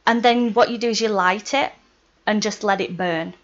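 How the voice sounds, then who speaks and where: A chatty Yorkshire woman presents a casual how-to witchcraft vlog, laughing between points and often saying "right" and "um." Her voice is mid-range at a moderate pace, and the sound is slightly dull.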